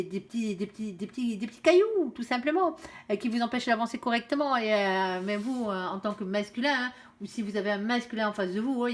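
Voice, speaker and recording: A woman giving a casual, blunt tarot reading to her viewers, filling her talk with frequent fillers and tag words. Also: medium pitch. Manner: blunt, chatty, peppers speech with "hein" and "euh". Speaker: tarot card reader.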